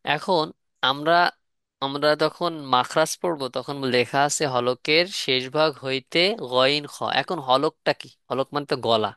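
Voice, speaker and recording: Bright-voiced man teaching an online Quran class. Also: on the high side, measured pace, clean tone, no echo, clean studio sound. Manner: repeats questions to students and asks for responses. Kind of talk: live online class teaching letter pronunciation.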